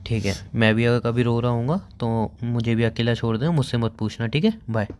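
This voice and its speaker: A man's voice: medium pitch, fairly even intonation, brisk, a little mellow. A young man on a staged phone call as a boyfriend, pressing again and again with insistent, scolding questions.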